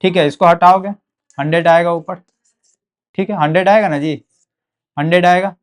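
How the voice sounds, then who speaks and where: Teaching a board exam physics lesson at a moderate pace, a young man with a Bihari Hindi accent speaks in a high, clear, resonant voice with fairly even intonation. He drills key terms repetitively and checks in often with "ठीक है" ("okay").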